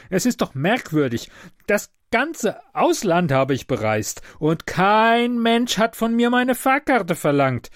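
A man's voice: high voice, big pitch swings, takes it slowly, no echo, studio quality, pitched above the performer's own voice, heavily acted. A man voicing a frail, sickly older male train passenger who complains in a tearful, whining way. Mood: indignant.

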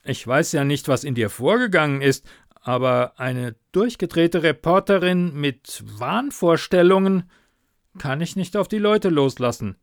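A man's voice: fairly high pitch, expressive, unhurried, dry recording, studio quality, voice pushed up. A man voicing a stern, dismissive chief editor. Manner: firm, clipped, dismissive.

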